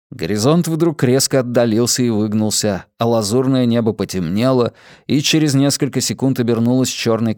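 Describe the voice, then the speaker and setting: A man narrating a novel as an audiobook in a steady, literary manner. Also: medium pitch, dry recording, clean studio sound.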